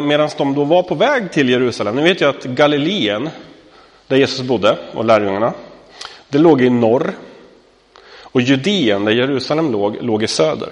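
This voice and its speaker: Chatty pastor preaching in a reverberant hall. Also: male voice, medium pitch. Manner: conversational, many fillers, asks the congregation questions. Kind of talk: sermon.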